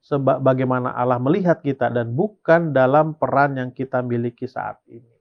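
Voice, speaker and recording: Over phone-quality sound, a gravelly, medium-pitched Indonesian man speaks at normal speed while teaching a Sabbath school Bible lesson. He reads passages, then explains them, regularly posing and answering his own questions.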